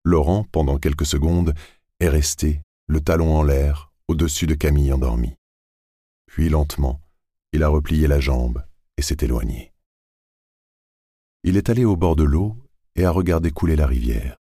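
Very deep, husky male narrator. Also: normal speed, pauses often, warm tone, dry recording, clean studio sound. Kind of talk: scripted narration of a novel.

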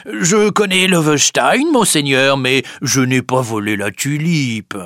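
A man's voice: mid-range voice, animated, slow pace, fairly bright tone, no room sound, clean studio sound, pitched above the performer's own voice. A man voicing a sly, nervous tulip grower in a storybook reading, fawning and hesitant, with stammers.

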